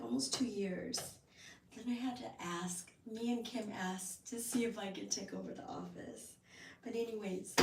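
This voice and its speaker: A woman chatting casually on a live stream while decorating her office, a bit hoarse from a cold and rambling with lots of ums. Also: mid-range voice, noisy background. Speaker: vlogger.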